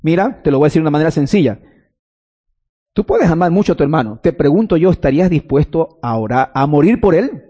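A man's voice: fairly high pitch, lively intonation, fast, dark tone, slightly rough. A man preaching a sermon, telling a story and acting out the lines of the people in it.

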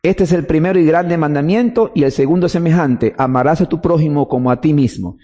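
A man's voice: fairly high pitch, a little fast, dark tone, long reverb tail. A man preaching a teaching sermon, explaining step by step and answering his own questions.

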